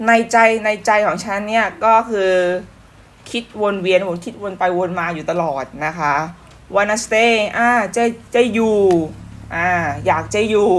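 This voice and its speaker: A woman teaching English words in a casual online lesson, chatty and patient, slowly repeating each phrase with many pauses. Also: lowish voice.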